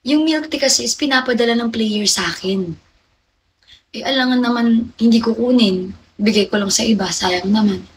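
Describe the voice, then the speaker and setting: A young woman with a fairly high voice speaks at a moderate pace during a casual livestream chat. She confides in her viewers and replies to their comments by name, on a low-quality recording with slight background noise.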